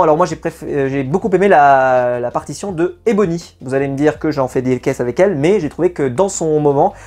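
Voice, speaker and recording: A woman's voice: low-pitched, darkish tone. Chatty, opinionated woman reviewer. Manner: opinionated and chatty, many hesitations. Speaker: YouTube reality-TV reviewer. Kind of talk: casual video review.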